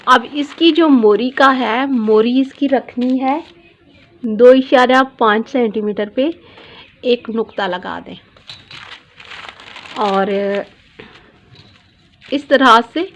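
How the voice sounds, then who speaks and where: Woman, sewing tutorial, slow and deliberate, patient, repeats measurements. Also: on the high side, muffled recording, slight background noise. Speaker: dress designer teaching pattern drafting.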